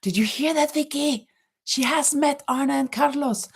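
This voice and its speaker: Her voice sits high, with vocal fry, at a moderate pace: a middle-aged woman from Norway hosting a casual livestream at home near a terrace. She reads out viewer comments and chats, frequently laughing and restarting words.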